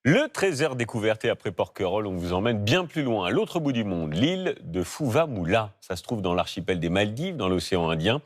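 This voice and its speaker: A man introduces a television report from a script. His voice is on the low side and moves with lively, varied intonation, in a news presenter's delivery.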